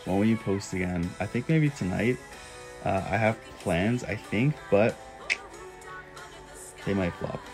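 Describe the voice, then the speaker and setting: A young man hosts a phone livestream, reading comments one by one in an easy, playful way and bursting into high owl hoots. His slightly low voice is a little slow with long pauses, held close to the phone's mic in a small room with faint music behind him.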